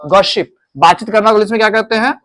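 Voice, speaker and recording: A man's voice: high voice, fast, fairly bright tone. A man teaching English to pupils in a classroom, mixing Hindi and English and having them repeat after him. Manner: drills pupils with call-and-repeat questions.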